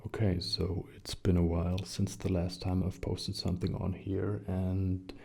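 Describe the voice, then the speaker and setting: A man chatting gently in a soft-spoken, hushed and breathy ASMR style, relaxed and close to the mic. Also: low voice, unhurried. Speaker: ASMR video creator. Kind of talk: soft-spoken ASMR chat, slipping into whispers. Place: small quiet rented studio room. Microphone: close shotgun condenser mics.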